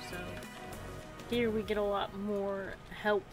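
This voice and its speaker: A woman's voice: mid-range voice, level tone, slow. A woman from the United States chatting casually as a live streamer while gaming. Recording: music playing behind the voice. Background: music.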